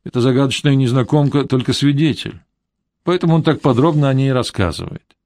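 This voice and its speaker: Мужчина читает детективный роман вслух ровным, спокойным голосом. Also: male voice, mid-range voice, brisk, a little mellow, no room sound, clean studio sound. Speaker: audiobook narrator. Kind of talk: scripted narration.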